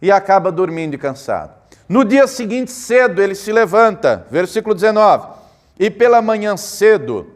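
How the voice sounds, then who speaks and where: A man with a high-pitched voice delivers a sermon as a pastor. He presses his points with rising emphasis and rhetorical questions, then slows right down to read scripture deliberately. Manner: slow deliberate scripture reading.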